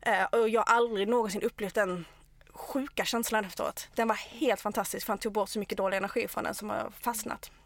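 Woman podcast guest, animated storyteller, casual chat, close dry mic. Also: medium pitch, no echo. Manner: animated storyteller, many fillers.

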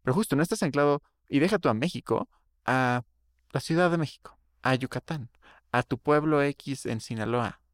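Un hombre joven con acento mexicano, copresentador de un pódcast, opinando en charla casual con muchas muletillas y groserías. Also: male voice, medium pitch, moderate pace, dry recording, clean studio sound. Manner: opinionated, slangy, rambling. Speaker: podcast co-host. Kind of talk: casual chat.

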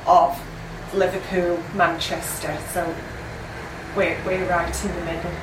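Northern English woman, passer-by, halting and unhurried, off-mic with loud street noise. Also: fairly low pitch, level tone. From Warrington, England. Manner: halting, repeats words as she thinks. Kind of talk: casual street interview. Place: outdoors on a street. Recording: distant, echoey, noisy street.

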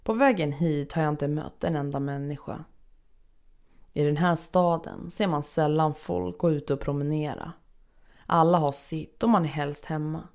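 Low gravelly woman narrating a story. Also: steady tone, darkish tone. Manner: measured, unhurried, somber. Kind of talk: first-person scripted narration.

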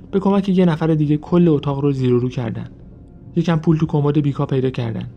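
A man reading a scripted true-crime story in an even, measured storytelling manner. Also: medium pitch, lo-fi sound, a little hiss or hum. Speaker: podcast narrator.

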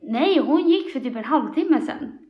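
High-voiced woman telling a story. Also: highs cut off. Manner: animated retelling, slangy and quick. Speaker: podcast co-host. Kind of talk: casual storytelling chat.

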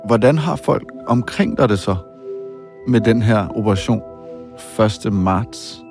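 A man narrating a documentary and asking calm, measured interview questions. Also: lowish voice, over music.

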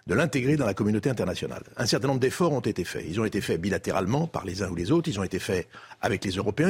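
As a guest in a debate, this older man from France, whose accent is French and whose voice is husky and fairly low, walks through diplomatic history with deliberate, teacherly emphasis.

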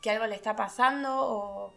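Gravelly chatty woman, lilt. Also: mid-range voice, moderate pace, sharp tone. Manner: chatty, laughing, acts out quoted voices. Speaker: podcast host. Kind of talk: casual reflective monologue.

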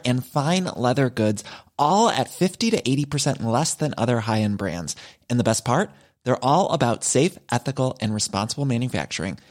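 A man, a podcast host, reading a scripted advertisement. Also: mid-range voice.

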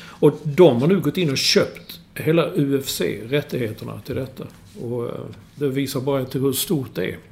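A man's voice: medium pitch, vocal fry, a little mellow. A man in casual sports chat, explaining business details with enthusiasm and the odd swear. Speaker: podcast co-host.

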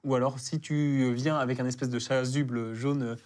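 A man appearing as a guest cybersecurity expert. He gives relaxed, casual explanations with lots of hesitation fillers. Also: medium pitch, normal speed. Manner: laid-back explainer, many fillers.

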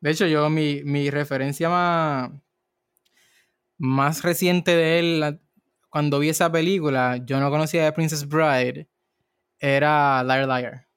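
A man's voice: on the high side, steady tone, slow, fairly bright tone, clean tone, no room sound, clean studio sound. A man co-hosting a casual film discussion, telling stories with lots of restarts and rambling asides. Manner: rambling storyteller with many restarts. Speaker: podcast co-host.

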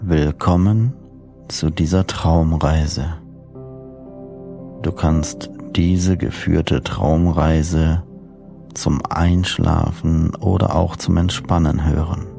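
A host and hypnosis coach narrates a guided sleep story, his deep voice creaky-edged and steady in tone. He phrases things soothingly and deliberately, pausing between short phrases. New-age music is clearly audible behind him.

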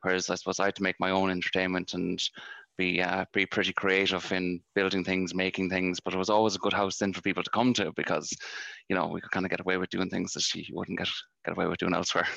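A man's voice: sits low, monotone, fast talker, creaky, sharp tone, dry recording, dull audio. A man with a west of Ireland accent, telling casual, rambling stories as an interview guest. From County Galway, west of Ireland. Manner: rambling, conversational storytelling. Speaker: podcast guest, company founder.

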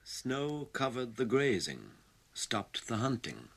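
A man narrating a documentary in a measured, descriptive scripted style. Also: medium pitch, big pitch swings, noisy background.

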